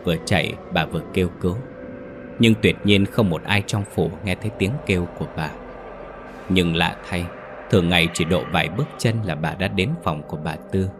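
Very low-voiced man narrating a ghost story. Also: fairly quick, music in the background. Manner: voices every character himself.

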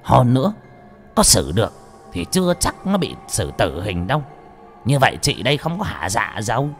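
A man voicing a gruff, blunt middle-aged village sorcerer who scolds and schemes, with faint music behind. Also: mid-range voice, huge pitch swings, moderate pace. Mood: scheming.

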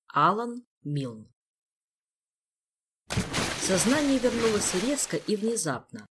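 Expressive male audiobook reader. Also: on the high side, background noise. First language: Indonesian. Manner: expressive, lively storytelling. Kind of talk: audiobook narration.

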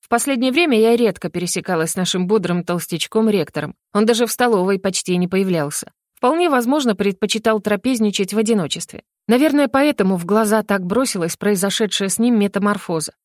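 Woman audiobook narrator, first-person fantasy, mid pitch, very dry close sound. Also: a little fast, few pauses, dry recording.

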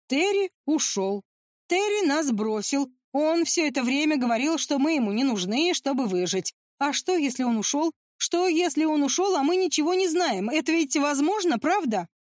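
A frantic young man babbles and pleads, his voice shooting high with alarm, as a woman reads him aloud. The audiobook sound is dry and close. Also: no room sound. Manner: babbling, shrill with panic.

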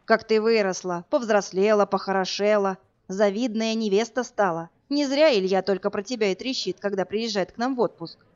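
A woman's voice: medium pitch, normal speed, hardly any pauses, darkish tone, lo-fi sound, lightly acted. A woman voicing a stern, sarcastic old male sorcerer who talks in a dry, curt, mocking way. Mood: gruff, sarcastic.

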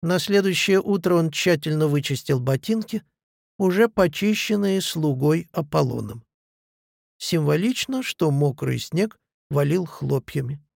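A man reading a literature lecture aloud in a measured, analytical way. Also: a little high, lively intonation, gravelly, a little mellow, dry recording, clean studio sound.

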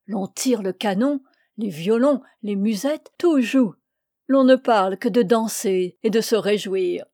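A woman reads an old fairy tale aloud in a clear, measured way. Her voice is mellow and warm-toned, at a middle pitch. The recording is close and dry. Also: no room sound. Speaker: reader of fairy tales. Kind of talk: storybook reading.

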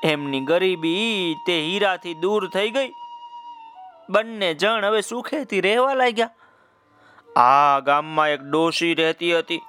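Bright, high-voiced male storyteller. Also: slow, soft background music. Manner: lively, folksy asides to listeners. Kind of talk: children's folk tale narration.

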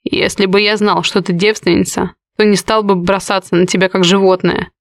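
A woman's voice: little pitch movement, normal speed, no room sound, studio quality, lightly acted. Woman reading a growling, harsh young man. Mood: heavy. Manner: growling, low, curt. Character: brooding, harsh young man, the heroine's lover. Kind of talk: audiobook reading.

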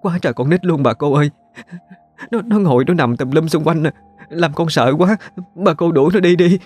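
A man's voice: moderate pace, a little mellow, soft background music, close to an everyday voice. A man voicing a young woman in painful labor, pleading. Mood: frightened. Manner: pleading, high and fearful.

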